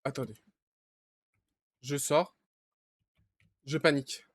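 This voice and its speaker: A man's voice: mid-range voice, fairly even intonation, slow, no echo. A young man streaming a game, talking to himself as he plays, breaking into panicky yelps and curses. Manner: panicky yelps and shouts, swearing, talks to himself. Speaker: gaming streamer. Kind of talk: casual let's-play commentary.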